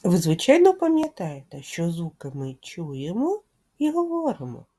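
Low mellow woman voice, slow careful kids lesson, asks and says right. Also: wildly swooping pitch, breathy edge. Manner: patient, asks children questions and confirms answers. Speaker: speech therapist teaching preschoolers. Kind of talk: slow, clear lesson for young children.

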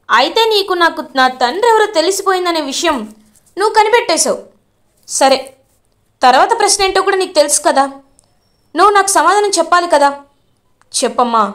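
An eager young man in a retold serial, pressing and quick, as a woman narrator acts him out. The voice rises high. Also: a bit bright. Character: eager young man questioning his mother.

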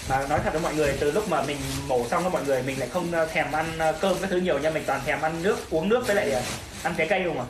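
A man's voice: on the high side, racing. A young adult man hosting a casual unboxing, chatting and reading cards aloud. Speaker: vlog host. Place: small decorated indoor room. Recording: roomy echo, distant mic, clear background noise.

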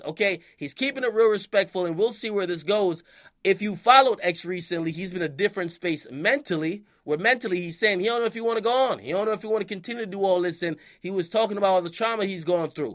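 A young man giving casual hip-hop news commentary, animated and slangy with profanity, often tacking on "okay?". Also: high voice.

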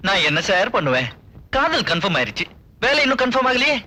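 An actor playing a cheeky, penny-pinching young suitor without a job, bantering playfully in 1980s film dialogue. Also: male voice, high voice, big pitch swings, quick pace, sharp tone, full character voice. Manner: playful, bantering, laughs often. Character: young jobless lover, cheeky and stingy.

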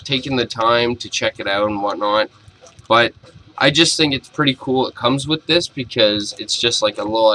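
A young man talks through a casual review in a small bedroom, picked up by a camera mic at arm's length. His voice is bright and forward, and his manner is blunt and informal. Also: mid-range voice, slight background noise, low-quality recording. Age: young adult. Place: small cluttered bedroom, indoors.

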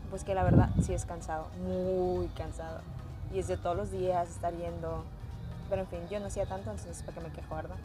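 A woman's voice: lowish voice, little pitch movement, a little fast, music in the background. A young woman with a Mexican accent, chatting casually and exclaiming as she vlogs outdoors in rural cornfields. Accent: Mexican Spanish. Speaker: vlogger. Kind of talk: casual vlog narration.

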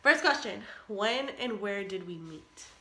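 A woman's voice: medium pitch, animated, measured pace, background noise. A young woman in her twenties chatting casually to camera for her vlog, her voice stuffy from a cold. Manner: chatty and upbeat, with many "like"s. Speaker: vlogger.

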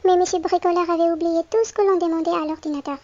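A woman reading a children's picture book aloud, clearly and expressively, as if to a young child. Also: very high-pitched, fairly even intonation, quick pace, a little mellow, muffled recording. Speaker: storybook reader.

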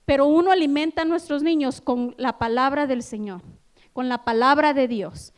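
A woman preaching a sermon in a church, addressing the congregation with rhetorical questions and building to loud, passionate exhortation. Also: high voice, moderate pace. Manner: addresses listeners as brother, asks rhetorical questions.

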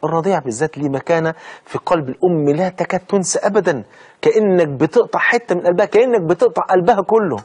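A man in his sixties with an Egyptian accent, preaching a dramatic story and dropping his voice low and soft at sad moments. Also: racing, husky. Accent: Egyptian Arabic. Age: 60s. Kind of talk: storytelling sermon.

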